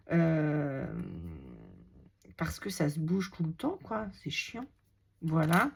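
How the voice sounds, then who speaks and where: A woman's voice: on the low side, gravelly, husky. A woman with a cold chatting casually through a craft tutorial, muttering self-deprecating asides to herself as she works. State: has a cold. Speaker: scrapbooking crafter demonstrating a page. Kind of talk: casual craft tutorial, talking while working.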